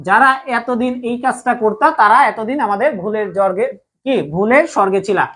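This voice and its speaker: A woman's voice: mid-range voice, brisk, fairly bright tone. A woman from Bangladesh, teaching an online grammar class and drilling students with repeated questions. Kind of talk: live online class lesson.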